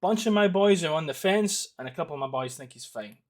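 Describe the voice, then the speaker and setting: A man's voice: a little high, animated, quick pace. A young man hosting a podcast in casual chat, swearing freely and breaking into goofy voices. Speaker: podcast host.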